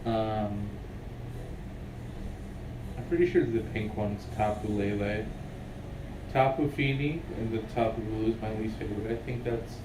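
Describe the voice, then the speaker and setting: Streaming from home, a young man plays and chats casually, rambling offhand and muttering to himself in a congested, sniffly voice that sits fairly low. He talks at a measured pace with frequent pauses, picked up by a distant mic in an echoey room with background noise.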